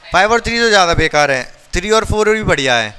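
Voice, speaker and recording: A man's voice: sits high, animated, fast, bright, forceful tone, clean tone, a faint crowd. A man teaching a maths lesson in a classroom, who keeps asking his students questions and then answers them himself.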